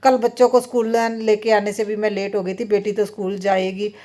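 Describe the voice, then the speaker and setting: Medium in pitch, level and warm, her voice moves at a moderate pace. She's a mother in her thirties who vlogs, chatting in a phone voice-over about her day at home, rambling with lots of fillers.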